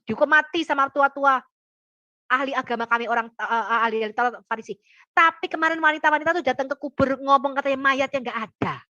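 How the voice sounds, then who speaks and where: High-voiced woman telling Bible stories lively. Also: no echo. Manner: lively storytelling, acts out the disciples' lines in shifting voices; blunt and joking. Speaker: preacher. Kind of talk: casual Bible teaching talk.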